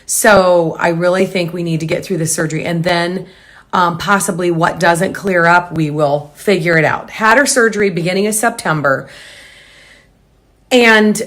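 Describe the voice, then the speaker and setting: A woman home decor blogger talking casually to camera, hurried and rambling with restarts. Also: on the low side, a bit bright.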